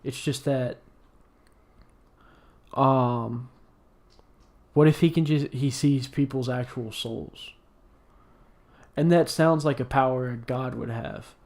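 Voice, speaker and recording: A drowsy man talking through a casual anime podcast, thinking out loud in loose, rambling sentences full of restarts. His voice sits at an ordinary middle pitch, and he sounds tired, as if fighting off yawns. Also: fairly even intonation, slow, pauses often. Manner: rambling, many fillers and restarts. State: sleepy, yawning. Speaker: podcast co-host.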